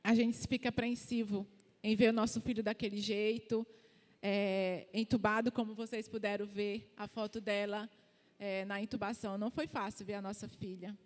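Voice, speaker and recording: A middle-aged Brazilian woman giving a fervent church testimony, her voice rising to near-shouting at its peaks. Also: mid-range voice, little pitch movement, normal speed. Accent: Brazilian Portuguese. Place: church hall. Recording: long reverb in a church hall.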